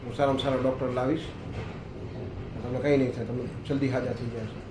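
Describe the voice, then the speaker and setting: A man's voice: medium pitch, flat delivery, fast, background noise, natural voice. A man voicing a grown son who eagerly reassures his sick father. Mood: reassuring. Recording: echoey, roomy recording.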